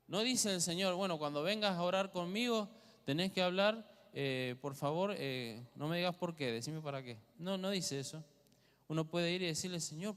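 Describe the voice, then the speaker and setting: A man with an Argentine Spanish accent preaching a teaching sermon in church, asking the congregation questions as he goes. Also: on the high side. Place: church hall. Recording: long hall reverb.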